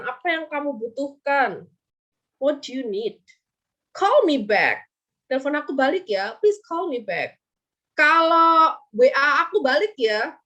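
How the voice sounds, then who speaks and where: A woman's voice: sits high, bright, forceful tone. A woman with an Indonesian accent teaching English vocabulary in an online class, quizzing her students and acting out example lines.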